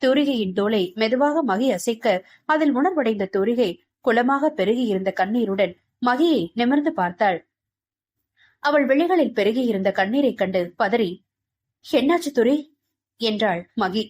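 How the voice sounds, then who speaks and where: A woman narrating a romance audio novel in an even storytelling manner. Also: fairly high pitch, measured pace. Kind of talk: scripted narration.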